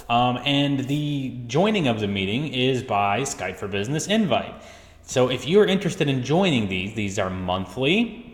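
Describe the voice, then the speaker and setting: A chatty, self-joking man hosts a casual recap show from inside an empty house. His mid-pitched voice bounces around the bare rooms, leaving a big, lingering hall echo behind every phrase. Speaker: show host. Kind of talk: casual tech news recap. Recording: echoey empty house with long reverb.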